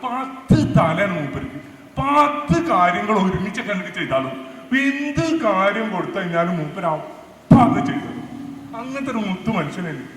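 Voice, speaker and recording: This stage performer's voice sits high and fairly bright, moving at a moderate, sing-song pace. With a Malabar Malayalam accent, he portrays a bossy senior air traffic officer who boasts and stammers over repeated words in a comedy skit. The recording from the large hall is echoey, with faint noise.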